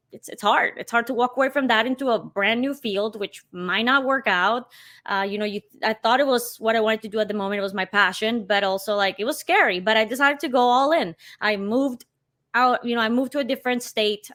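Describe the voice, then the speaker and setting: A woman's voice: on the high side, fairly bright tone. A woman in her thirties from Colombia, a podcast guest talking casually and emphatically, with plenty of "you know". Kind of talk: casual interview chat.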